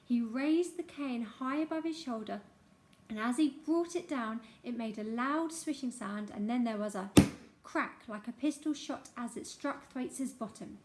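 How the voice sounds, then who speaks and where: A woman narrating a childhood memoir aloud in an expressive storytelling manner. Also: on the high side, measured pace, noisy background.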